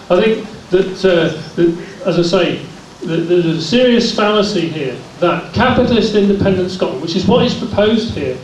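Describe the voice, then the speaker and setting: A man's voice: high voice, darkish tone. A man arguing a motion at a conference, repeating words as he builds his points. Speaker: party conference delegate. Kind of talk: conference floor speech. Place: large conference hall. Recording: echoey hall from far off, faint hiss.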